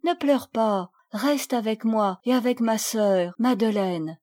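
A woman's voice: on the high side, slow pace, darkish tone. A woman voicing a brave, tender young girl who urges and soothes, in a storybook reading. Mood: soothing. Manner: urgent, soothing.

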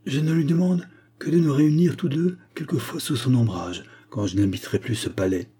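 A man voicing a calm, gentle young Venetian noblewoman in an audiobook reading, speaking softly and earnestly. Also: medium pitch, a little fast, breathy edge, pitched above the performer's own voice, natural voice. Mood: tender.

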